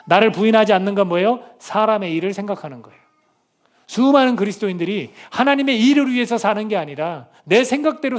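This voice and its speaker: A male pastor delivers a sermon in a notably high voice. He questions his listeners directly and reads scripture together with them. Now and then he breaks into dramatic quoted speech.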